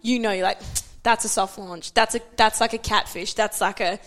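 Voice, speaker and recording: A woman's voice: mid-range voice, steady tone, normal speed, fairly bright tone, faint music behind. A young Australian woman co-hosting a podcast in casual comedic chat, slangy and sweary with mock exasperation. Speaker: podcast co-host.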